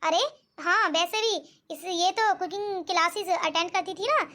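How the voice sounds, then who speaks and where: Helpful, reassuring cartoon sister-in-law, voiced by a woman; very high pitch. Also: moderate pace, sharp tone. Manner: reassuring, teasing. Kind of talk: cartoon voice acting.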